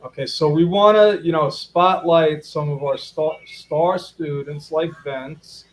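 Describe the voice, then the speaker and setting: A man's voice: on the high side, steady tone, slow pace, rough recording. A man hosting a casual live interview, chatty, repeating himself and talking to viewers as folks. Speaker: interview host.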